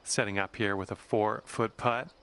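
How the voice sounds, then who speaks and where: Upbeat golf commentator, bright voice. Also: male voice, fairly low pitch, fairly even intonation, normal speed, clear, resonant tone. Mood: calm, informative. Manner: casual, encouraging play-by-play. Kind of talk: golf video game commentary.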